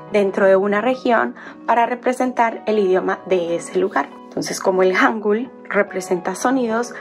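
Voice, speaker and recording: A woman teaching an alphabet, spelling out syllables one by one in a patient, explaining way. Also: medium pitch. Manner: patient, spelling out sounds slowly. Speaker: language teacher. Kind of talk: explaining on a whiteboard.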